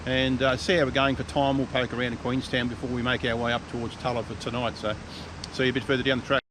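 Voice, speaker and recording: Standing outdoors by the road, this Australian vlog host and adventure rider talks fast and casually to the camera, dropping laid-back local slang. The recording picks up outdoor noise and the rumble of passing vehicles.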